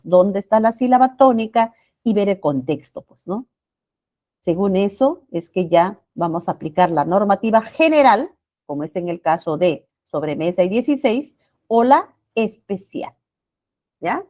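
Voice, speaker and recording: A woman's voice: mid-range voice, darkish tone. A woman teaching a class, explaining spelling rules patiently, repeating points, checking understanding with short questions and stretching out example words.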